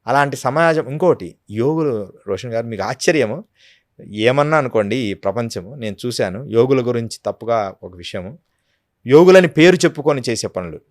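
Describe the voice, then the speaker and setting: A man's voice: medium pitch, animated, normal speed, dry recording, studio quality. A man, a yogi guest speaking earnestly in an interview, often acting out quotes. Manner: earnest, storytelling with acted quotes. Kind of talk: devotional interview talk.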